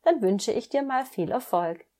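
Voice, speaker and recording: A woman's voice: a little high, normal speed, voice pushed up, close to an everyday voice. Woman voicing a patient mother duck. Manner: calm and instructive.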